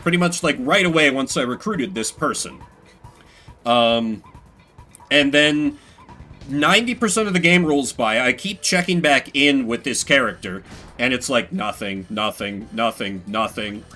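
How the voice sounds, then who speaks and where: An unhurried game streamer with a mid-range voice chats casually with his viewers over soft background music. He tells rambling stories, bringing them to life with animated delivery and quotes he acts out.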